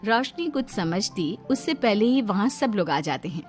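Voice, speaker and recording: A woman narrating a scripted cartoon story in an expressive storytelling manner. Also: medium pitch, moderate pace, soft background music.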